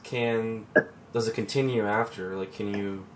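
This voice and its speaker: A man co-hosting a podcast in casual chat, relaxed and rambling with fillers and restarts. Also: fairly low pitch, measured pace, crowd noise. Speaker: podcast co-host.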